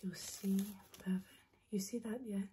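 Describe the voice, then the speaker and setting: A woman doing an ASMR role-play in a soft, breathy ASMR voice, coaxing the listener playfully with repeated trigger words and tingly mouth sounds. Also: fairly even intonation, measured pace, slight background noise. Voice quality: soft-spoken, breathy soft voice, often slipping into soft low speech. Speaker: ASMR performer.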